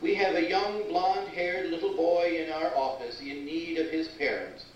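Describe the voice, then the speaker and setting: A man's voice: on the high side, fairly even intonation, moderate pace, slight background noise, natural voice. A man doing a chirpy mall announcer. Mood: cheery. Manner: cheery, scripted announcer delivery. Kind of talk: public address announcement. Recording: echoey PA from far off.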